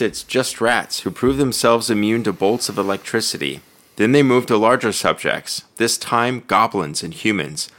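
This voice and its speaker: A man's voice: mid-range voice, pushed and bright. A man reading a scripted fantasy story as narrator, in a dramatic storytelling style.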